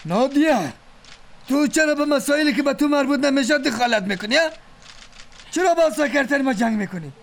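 A man's voice: very high-pitched, lively intonation, creaky, full character voice. An actor with an Afghan Dari accent playing a commanding middle-aged male company boss and father. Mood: scolding. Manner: commanding, scolding.

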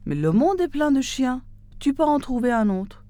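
An impatient male traveler from a storybook fairy tale, exclaiming in a raised, higher voice than the narration, as a woman puts him on. His lines swoop up and down in pitch, and he sounds close and dry. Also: very animated, normal speed, mellow, no echo. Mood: mocking. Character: impatient male desert traveler, quick-tempered.

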